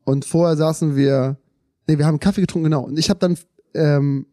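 Animated man telling stories, rather high. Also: no room sound, studio quality. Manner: animated storyteller, rushes through phrases. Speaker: podcast co-host. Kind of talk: casual chat.

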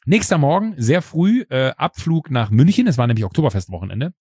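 A man tells a story in a relaxed conversation at a medium pitch. He acts out the people he quotes with animated shifts of voice and often fills his pauses with "uh". The recording is close and dry, with no room echo. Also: husky. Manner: lively storyteller who acts out quoted voices, frequent "äh" fillers. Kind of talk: casual storytelling chat.

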